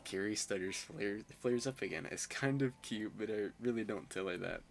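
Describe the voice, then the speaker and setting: Young guy, lowish voice, narrating a visual novel playthrough with chatty joking asides, faint music bed. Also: normal speed, creaky. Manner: chatty, self-mocking asides with laughs. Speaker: gamer. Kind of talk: playing a visual novel and reading the narration aloud.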